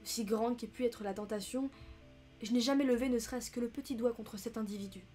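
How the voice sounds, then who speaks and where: A woman's voice: a little high, brisk, dark tone, soft background music, lightly acted. A woman voicing a dignified young countess who speaks with composed, restrained intensity in an audiobook reading.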